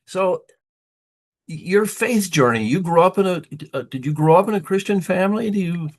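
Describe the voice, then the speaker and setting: An older man, a grandparent, hosts a monthly conversation series and interviews a guest, warm but hesitant and full of fillers. His voice sits high with lively intonation, and he speaks at a moderate pace.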